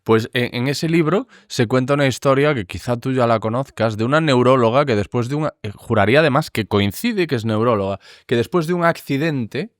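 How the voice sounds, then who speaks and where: Smooth-voiced male host. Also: mid-range voice, a little fast, few pauses, no echo, clean studio sound. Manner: animated, questioning, acts out inner voices. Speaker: podcast host. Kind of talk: conversational interview.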